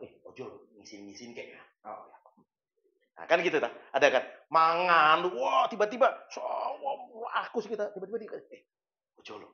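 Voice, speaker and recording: A man's voice: mid-range voice, fairly bright tone. A man preaching a sermon as pastor, speaking in a colloquial, playful way with slang and acted asides. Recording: echoey, muffled church recording.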